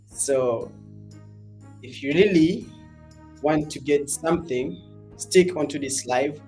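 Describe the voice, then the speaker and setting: A man's voice: fairly high pitch, a little mellow. A man hosting a casual trading livestream, chatting loosely to viewers and asking for comments, his voice drenched in reverb. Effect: reverb echo on the voice. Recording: echoey stream audio with off-mic moments.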